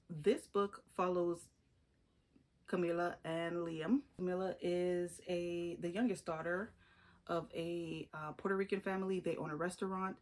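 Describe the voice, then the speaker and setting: A woman's voice: on the low side, a little mellow. Chatty woman gushing about books. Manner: chatty, gushing, with fillers and restarts. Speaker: book reviewer. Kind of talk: casual book review vlog.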